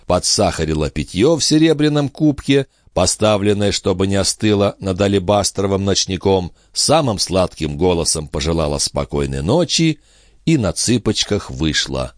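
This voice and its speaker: Lively low-voiced male narrator. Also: normal speed, no room sound, clean studio sound. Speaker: audiobook narrator. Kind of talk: scripted narration.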